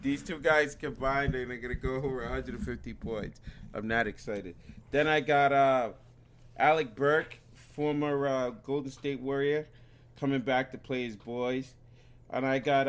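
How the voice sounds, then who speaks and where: Male co-host, mid pitch, loose rambling delivery, uneven mic distance. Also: fairly even intonation, normal speed, smooth. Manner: loose, rambling, trips over words. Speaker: podcast co-host. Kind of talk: casual sports picks chat. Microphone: drifts on and off mic.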